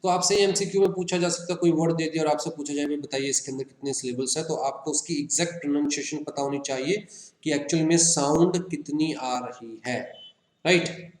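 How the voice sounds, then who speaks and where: A man with an Indian accent teaching an exam-prep lesson, drawing out example words slowly and checking in with listeners. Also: a little high, fairly even intonation, reverberant. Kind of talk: exam-prep lecture in Hindi-English mix.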